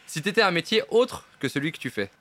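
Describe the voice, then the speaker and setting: A male host in a restaurant, asking quick questions with brief, playful prompts. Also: fairly high pitch, sing-song, fairly bright tone. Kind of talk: interview questions.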